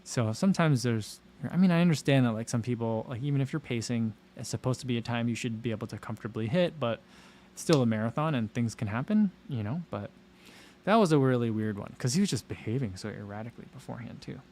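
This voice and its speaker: A man's voice: mid-range voice, animated, fast, darkish tone. Chatty man reading livestream comments. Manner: rambling, laughs often, many fillers. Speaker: running channel host. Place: home livestream.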